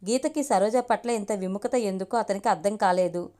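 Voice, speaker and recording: A woman's voice: mid-range voice, moderate pace, warm tone. Woman narrating a family story.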